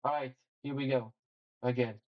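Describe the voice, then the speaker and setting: A young man commentating a game competition play-by-play, halting with fillers and restarts, then breaking into excited shouts. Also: medium pitch, no echo. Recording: distant dull mic with faint music.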